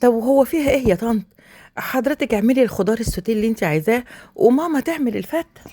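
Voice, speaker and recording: A young wife coaxes and pleads quickly with an Egyptian accent. Her voice sits fairly high. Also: expressive, mellow. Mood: pleading. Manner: coaxing, quick. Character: young wife, soothing, caught between mothers.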